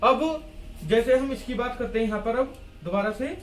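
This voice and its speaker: A man's voice: very high voice, moderate pace, music in the background. A man teaching a Hindi grammar lesson at a board. He asks and answers his own questions and repeats key words. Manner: writes and erases on a board while explaining.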